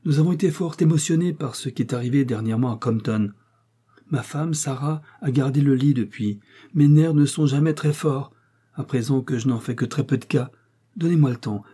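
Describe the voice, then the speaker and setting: A man reading an audiobook aloud and voicing a timid, flustered old innkeeper who stammers and frets, in a husky, dark voice, higher than his own. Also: normal speed, close to an everyday voice. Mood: fretful. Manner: stammering, fretful and pleading.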